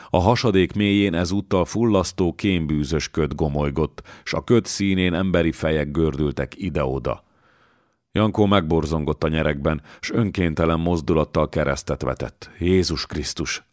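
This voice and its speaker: A man reading a historical novel aloud as an audiobook narrator, measured and steady. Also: extremely low pitch, no room sound, studio quality. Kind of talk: scripted narration.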